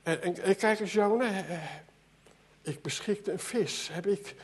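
High-voiced man preaching with rising intensity. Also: a little slow, slightly rough. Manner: earnest, repeats words, voice rises and drops sharply. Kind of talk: sermon.

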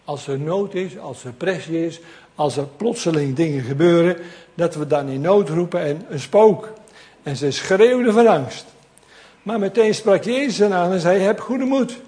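Lively preacher, slightly high voice. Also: male voice, normal speed. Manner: lively, conversational preaching with asides to the congregation. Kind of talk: sermon.

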